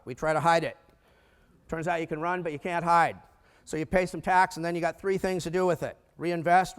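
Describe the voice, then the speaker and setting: An older American man giving an energetic conference talk on business finance, with rhetorical questions and humorous asides. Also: fairly high pitch. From United States. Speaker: keynote speaker on business finance. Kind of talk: conference presentation. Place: large conference room. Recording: echoey hall reverb.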